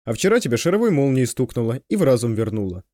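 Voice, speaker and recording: A man's voice: mid-range voice, sing-song, quick pace, dark tone, no echo, natural voice. A man voicing a tough male stalker who speaks bluntly with dry irony. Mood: wry.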